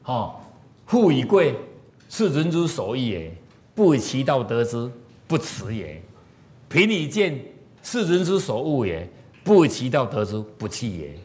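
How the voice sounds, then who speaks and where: Man, lively teacher, tells parables, quizzes the room, swooping mid-pitch voice. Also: unhurried. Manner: animated, asks the audience questions. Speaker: moral teacher. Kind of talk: storytelling lecture to an audience.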